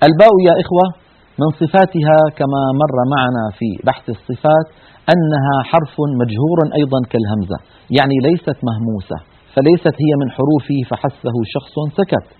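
A man's voice: mid-range voice, expressive, quick pace, slightly rough. A man teaching the articulation of letters for Quran recitation, explaining each trait step by step and demonstrating sounds and common mistakes. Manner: methodical, demonstrates sounds and mispronunciations. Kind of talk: recorded lesson on letter articulation. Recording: tinny phone-like lo-fi audio.

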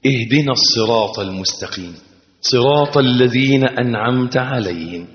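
Chanting verses with passion, an Egyptian-accented man delivers a sermon at normal speed in a medium-pitched voice. The sound is dull and lo-fi, captured in an echoey hall.

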